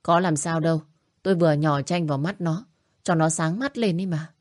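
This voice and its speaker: Woman voicing a stubborn old mother-in-law, self-righteous, pitch jumping up high, dry close sound. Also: expressive, fast, no room sound, close to an everyday voice. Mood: calm.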